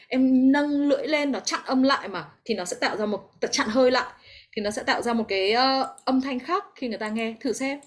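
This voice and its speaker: A woman English teacher with a Vietnamese accent, teaching an online class over a video call, explaining patiently and encouraging her students. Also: fairly high pitch.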